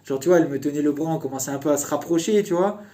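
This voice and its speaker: A man's voice: on the high side, very fast, dark tone. A young man casually telling a personal story in a chatty, meandering way.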